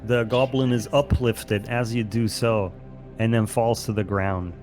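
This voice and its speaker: A man running a tabletop game as game master, relaxed and often laughing. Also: fairly low pitch, unhurried, faint music behind. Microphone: online voice chat.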